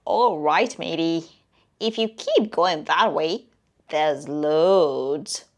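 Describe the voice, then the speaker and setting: Woman doing a blunt storybook ant, low and slow, matter-of-fact. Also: heavily acted. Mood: gruff. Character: ant, brisk and blunt with slang.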